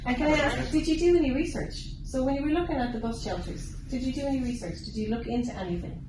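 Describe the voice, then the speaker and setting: A woman's voice: high voice, fast. A woman with an Irish accent asking informal, encouraging questions as an interviewer. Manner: encouraging, affirming answers. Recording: echoey room, distant mic, background noise.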